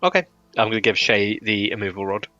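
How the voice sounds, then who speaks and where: A man banters casually as a tabletop game player. His voice is bright and mid-pitched. The sound is dry, with music underneath. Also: quick pace, dry recording, lo-fi sound. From outside the United States.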